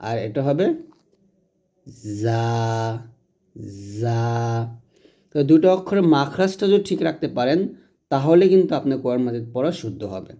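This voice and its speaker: A man teaching Quranic letter pronunciation in a patient, repetitive way, drawing out each sound slowly to demonstrate it. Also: on the high side, mellow. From Bangladesh. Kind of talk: recitation lesson.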